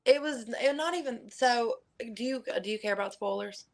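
A woman's voice: fairly high pitch, normal speed, gravelly. A woman with a standard American accent in casual, comedic podcast chat, blunt and sweary, peppering her sentences with "like". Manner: blunt, profane, heavy use of "like". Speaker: podcast guest.

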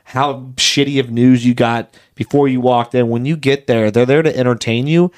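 A man's voice: medium pitch, fairly even intonation, normal speed, darkish tone. A man co-hosting a casual podcast, telling stories in a rambling, enthusiastic way. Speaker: podcast co-host. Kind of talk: casual chat.

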